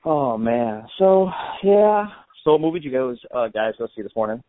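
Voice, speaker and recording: Over a tinny, band-limited telephone line, a man hosts an interview in a casual, slangy, conversational style. His medium-pitched voice has a sing-song lilt, he talks at a normal speed, and there's no echo.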